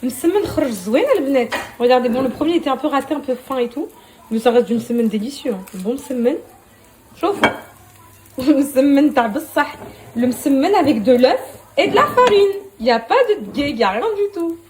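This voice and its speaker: A woman's voice: high-pitched, animated, brisk, background noise. A young woman and mother chatting casually to her followers on a phone story from her kitchen and garden, bubbly and gushing. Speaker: lifestyle influencer and mother. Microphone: handheld phone.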